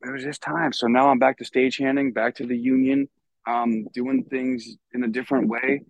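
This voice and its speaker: A man's voice: medium pitch, flat delivery, moderate pace, no room sound, poor audio. A man from New York, a guest on a podcast, telling stories in a loose, rambling way with lots of fillers and casual swearing. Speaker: podcast guest, stagehand and musician. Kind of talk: casual storytelling chat.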